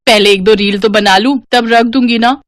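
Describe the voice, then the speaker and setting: A woman's voice: fairly high pitch, steady tone, normal speed, no echo, studio quality, close to an everyday voice. A woman voicing a playful young woman who loves saris, talking in a chirpy, cheeky way.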